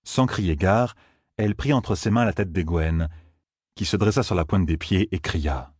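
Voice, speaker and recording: A man narrating an audiobook in a measured storytelling manner. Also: low voice, a little mellow, husky, no room sound, studio quality. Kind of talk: scripted narration.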